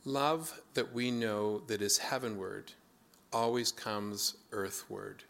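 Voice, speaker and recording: A man's voice: on the low side, fairly even intonation, vocal fry, fairly bright tone. A man preaching a sermon as pastor, telling a family story and then turning it into a reflective message. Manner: slow anecdotal storytelling that turns reflective.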